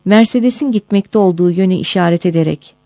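Female audiobook narrator, warm, first-person memoir, even measured read, dry booth. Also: on the low side, no echo, faint music behind.

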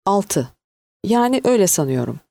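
A woman's voice: mid-range voice, big pitch swings, normal speed, creaky, dark tone, no echo. A woman reading the lines of a young woman witness in her twenties in an audiobook, urgent and unsure.

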